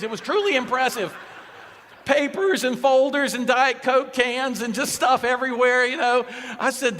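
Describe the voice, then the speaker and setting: Man, high-pitched storyteller, plays every part in his anecdotes, live hall reverb. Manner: animated, acts out dialogue with changing voices. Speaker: speaker. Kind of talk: storytelling keynote talk. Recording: speaker in a hall with long reverb.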